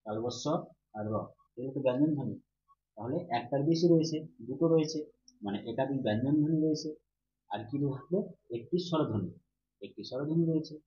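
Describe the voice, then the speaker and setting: A man teaching a grammar lesson with a mellow, dark voice. He keeps asking questions and then answers them himself, repeating each term slowly. The sound is roomy and a little dull, with a faint hum behind it. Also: mid-range voice. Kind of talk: Bengali grammar lesson for students.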